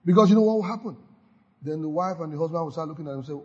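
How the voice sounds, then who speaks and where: Speaking very fast in a high, husky voice, a pastor exhorts his congregation through a sermon of call-and-response declarations, saying hallelujah again and again. The sound is lo-fi.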